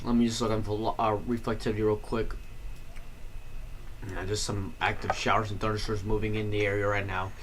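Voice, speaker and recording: A man's voice: lowish voice, flat delivery, brisk, slight background noise. A man giving casual live storm coverage, rambling with frequent fillers and self-corrections. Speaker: storm streamer. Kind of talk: live weather stream commentary.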